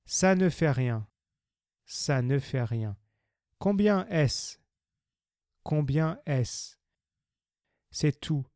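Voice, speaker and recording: A man leading a language drill, saying each short phrase twice with slow, careful pronunciation. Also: on the high side, lively intonation, darkish tone, smooth, dry recording, clean studio sound. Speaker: language teacher.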